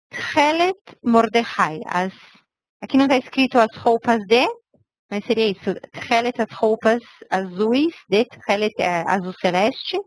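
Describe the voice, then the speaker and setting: Slow, patient woman teaching a lesson. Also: medium pitch, no echo, rough recording. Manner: patient, explains step by step with frequent "ok?". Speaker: Hebrew teacher. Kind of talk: online language lesson.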